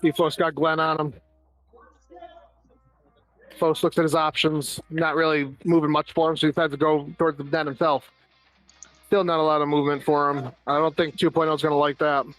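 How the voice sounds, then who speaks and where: An American man calls an amateur floor hockey game play by play, rattling off passes and shots with the odd dry joke. His voice sits a little high for a man. Faint music plays underneath. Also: flat delivery, fairly bright tone. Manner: rapid running call of plays with dry asides. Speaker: play-by-play commentator. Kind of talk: amateur live sports commentary.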